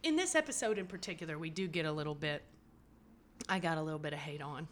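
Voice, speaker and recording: A woman's voice: sits low, fast, a little hiss or hum. A woman co-hosting a podcast, chatting casually and swearing as she recaps an episode. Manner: chatty, swearing, laughing often. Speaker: podcast co-host.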